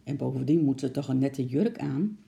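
A storybook reader voicing a cautious father who sounds doubtful, with a gravelly voice. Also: medium pitch, animated, normal speed, dark tone. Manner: doubtful, thoughtful.

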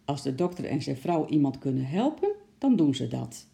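A storybook reader voicing a kind, helpful uncle who speaks reassuringly, in a gravelly voice. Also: medium pitch, sing-song, moderate pace, dark tone.

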